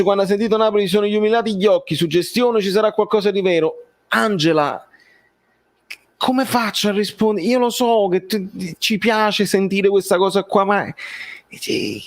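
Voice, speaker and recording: Casting: male football streamer, higher-pitched voice, conversational and halting, repeats himself while replying to a live chat. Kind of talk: casual live-stream chat, reading and answering viewer comments.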